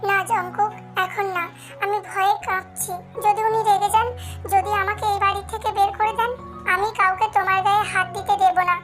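A woman voicing a timid young widow, soft and fearful. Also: very high voice, flat delivery, a little fast, soft background music. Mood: anxious.

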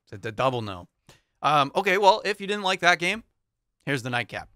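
A man's voice: a little high, very animated, a little fast, sharp tone, no room sound. A young man co-hosting a casual sports podcast in a small studio, reading out matchups in an easygoing way. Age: young adult. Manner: easygoing, reads out matchups with light laughs. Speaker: co-host. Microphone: studio mic on boom arm, headphones.

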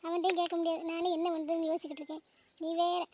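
A woman's voice: very high-pitched, flat delivery, very fast, a little mellow, slight background noise. A woman voicing a scolding, melodramatic middle-aged mother in a cartoon family drama. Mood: grumbling. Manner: nagging, melodramatic.

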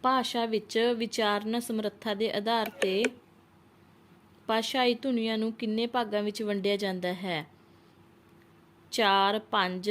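A woman teaches an exam-prep lesson at a mid pitch. She reads out each multiple-choice question and its options, asks which one fits, and then gives the answer herself. She hesitates now and then and restarts her words.

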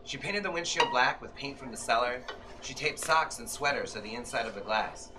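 Filmed live on an audience member's camera a few metres off, a middle-aged man reads from his novel to a seated crowd in a small bookshop. His medium-pitched delivery is tense and deliberate, recalling old radio drama, while a violin plays along amid background noise.

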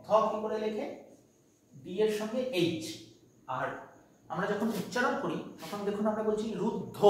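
A man's voice: high voice, a little hiss or hum. A man teaching a patient, step-by-step phonetics lesson, checking in with his students as he goes. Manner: patient, step by step, asks "তাই তো?". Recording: echoey room, mic at a distance.

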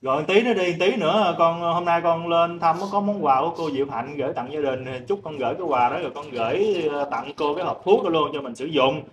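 A man hosting a charity vlog, asking a family gentle, polite questions. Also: on the high side, brisk, hardly any pauses. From Vietnam. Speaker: vlog host interviewing a family.

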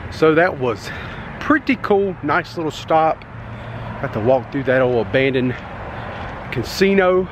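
A man in his forties who vlogs about abandoned places walks beside a busy highway, filming himself on a phone held at arm's length. He chats casually and thinks out loud with lots of "uh"s while traffic rushes past.

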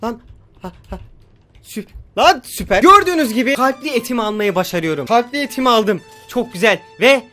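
A young man giving excited let's-play commentary, joking, yelping and cursing at the game as he plays. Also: extremely high pitch, brisk, faint music behind. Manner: loud, jokey, yelps and curses at the game. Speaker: gaming YouTuber.

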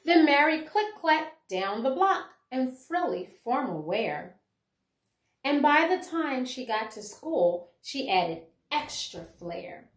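A higher-voiced woman educator reads a children's picture book slowly, with big swings in pitch. It's an expressive read-aloud with commentary for children and teachers. The small room at home she's in gives the recording an echoey quality.

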